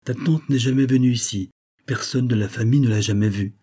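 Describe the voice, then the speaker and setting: A man's voice: mid-range voice, a little fast, dark tone, breathy edge, close to an everyday voice. A man reading a distressed mother's lines in an audiobook, in an earnest, explaining tone. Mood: troubled. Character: distressed mother of a young boy.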